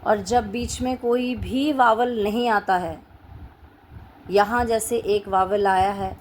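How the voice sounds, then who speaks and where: A woman teaching phonics, spelling words out letter by letter in a slow, deliberate way. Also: mid-range voice, fairly even intonation, slight background noise, rough recording. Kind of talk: classroom-style phonics lesson.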